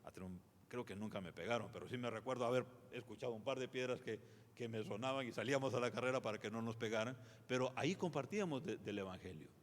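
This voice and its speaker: A man's voice: mid-range voice, fast. A man presenting at a church conference, speaking conversationally with many fillers and restarts. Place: church sanctuary. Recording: long reverb of a church hall.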